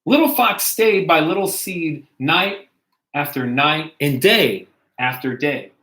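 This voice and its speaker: A man, a pastor, reading a children's storybook aloud in a gentle, unhurried way. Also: fairly high pitch, animated. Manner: gentle, unhurried, self-correcting. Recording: echoey room.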